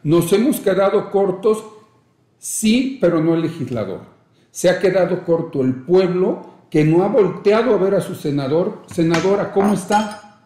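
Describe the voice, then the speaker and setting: A middle-aged man with a Mexican accent talks as a guest in an interview, lecturing in an emphatic, rhetorical way. His voice sits a little high yet sounds mellow. The room around him is roomy and echoey. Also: animated, moderate pace. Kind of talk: conversational interview.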